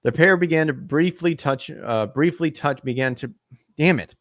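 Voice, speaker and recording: Slightly high in pitch, his voice moves at normal speed, recorded in studio quality with no echo. He hosts a podcast, reading news out loud and poking fun with sarcastic asides, laughing at himself and fumbling words.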